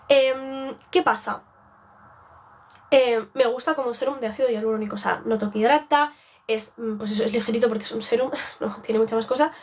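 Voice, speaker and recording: A woman's voice: fairly high pitch, slight background noise. A young woman from Spain with a Spanish accent, chatting casually on a live beauty stream and rambling off track. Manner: rambling, chatty, self-interrupting.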